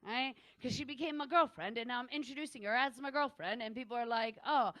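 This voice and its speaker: A fairly high-voiced woman performs stand-up comedy in a venue room. She talks in a lively, animated way, laughing between lines and acting out what others said. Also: fast talker, no echo.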